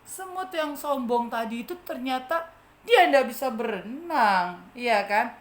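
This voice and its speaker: A woman's voice: on the high side, expressive, a little slow. A woman with an Indonesian accent telling a children's story in church, often asking the children questions. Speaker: Sunday school teacher. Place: church hall. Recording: echoey church hall, faint noise.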